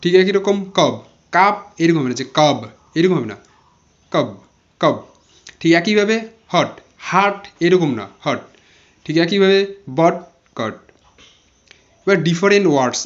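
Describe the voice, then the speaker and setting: A man whose first language is Bengali, patiently explaining English pronunciation rules and slowly repeating example words. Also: high-pitched, lively intonation. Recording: dull lo-fi recording.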